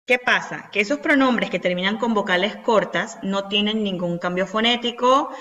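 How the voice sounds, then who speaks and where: A woman teaching an Arabic grammar lesson, explaining step by step and slowing down to drill example words, often checking in with "ok?". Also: medium pitch, fairly bright tone, distant mic, highs cut off. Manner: checks in with "¿ok?" and "¿verdad?".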